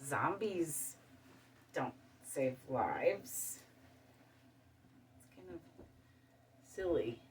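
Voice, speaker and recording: A woman hosting her show, talking calmly in a casual monologue and listing things one by one. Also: low-pitched, extremely slow, pauses often, distant mic, slight background noise. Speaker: show host. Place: studio.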